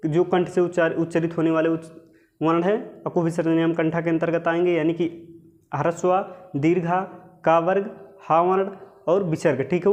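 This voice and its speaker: A man's voice: on the high side, darkish tone. A man teaching an exam-prep lesson who repeats each point and keeps checking in with his listeners. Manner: asks questions and answers them himself.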